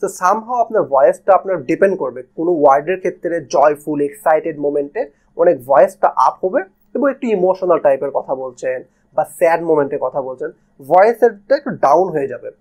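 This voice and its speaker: A man's voice: a little high, a little fast. A young man teaching speaking skills in a casual video lesson, mixing English phrases into his explanations. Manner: demonstrates flat versus varied intonation.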